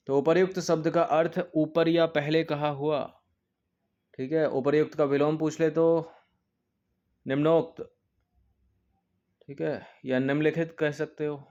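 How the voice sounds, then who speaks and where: A man's voice: fairly high pitch, darkish tone, lo-fi sound. A male coaching teacher walking through an exam test paper, explaining each answer step by step and repeating key points. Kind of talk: test-paper walkthrough lesson.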